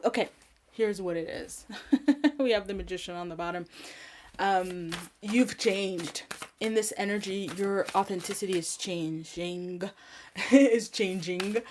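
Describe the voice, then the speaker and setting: A woman's voice: mid-range voice, a little hiss or hum. Giggly, chatty woman reading tarot cards. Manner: giggly, chatty and warm-hearted, with frequent laughs and fillers. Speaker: tarot reader. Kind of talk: casual pick-a-card tarot reading.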